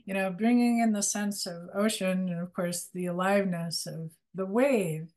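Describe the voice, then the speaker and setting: A woman student in an online class, speaking excitedly and searching for words as she gives feedback. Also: medium pitch, moderate pace.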